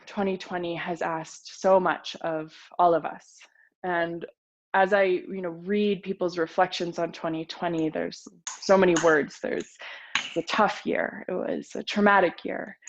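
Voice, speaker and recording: Slow, soft-spoken woman yoga teacher. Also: on the low side, highs cut off. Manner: gentle, soothing, with pauses. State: a little nervous. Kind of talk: guided meditation talk.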